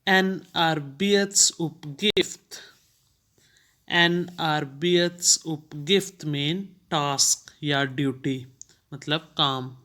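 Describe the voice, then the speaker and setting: A man teaching a vocabulary lesson at a slow, deliberate pace. His voice sits fairly high for a man. He repeats each word carefully before explaining it. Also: sharp tone. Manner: repeats each word slowly, then glosses it. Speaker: language teacher. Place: lives abroad, teaching newcomers.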